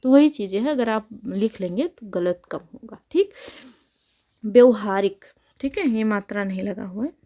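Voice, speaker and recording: A young woman, a Hindi exam tutor with a dark-toned, medium-pitched voice at normal speed, teaches a spelling lesson for exam preparation while writing. She patiently repeats each answer and asks it back to the viewer.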